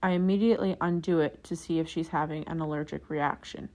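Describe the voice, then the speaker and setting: A woman reading a first-person forum post aloud as scripted narration, in a steady storytelling manner. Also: deep voice, fairly quick.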